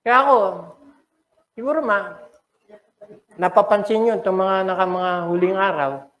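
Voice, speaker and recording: A man's voice: high-pitched, unhurried, a bit bright. An older man with a Filipino accent, a pastor preaching an emotional, dramatic sermon in a church. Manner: emotional, dramatic preaching mixing English and Tagalog. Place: church sanctuary. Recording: echoey church hall.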